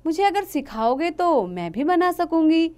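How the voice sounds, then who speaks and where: A woman's voice: very high voice, very animated, a little slow, a little mellow, pitched above the performer's own voice, exaggerated voice. A woman voicing an eager twelve-year-old village girl who pleads insistently. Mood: pleading.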